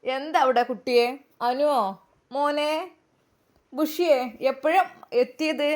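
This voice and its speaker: A woman's voice: high voice, fairly even intonation, slow pace, darkish tone. Woman voicing an anxious older mother. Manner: anxious questioning. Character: older mother, worried, calling out.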